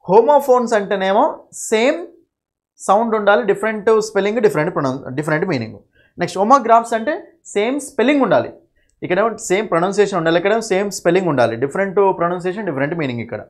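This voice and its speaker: Male teacher checking "okay?". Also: sits high. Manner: explains step by step with frequent "okay?" checks. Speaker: English teacher. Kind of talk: exam-prep grammar lesson.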